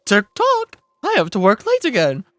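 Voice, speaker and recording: A man's voice: sits high, wildly swooping pitch, normal speed, a bit bright, dry recording, voice pushed up, full character voice. A man voicing a frantic, overworked little game creature in melodramatic despair.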